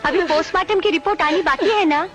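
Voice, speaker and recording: A woman's voice: very high-pitched, quick pace, a bit bright. An actress playing a patient young village woman who soothes and explains things in a dubbed film. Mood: explaining.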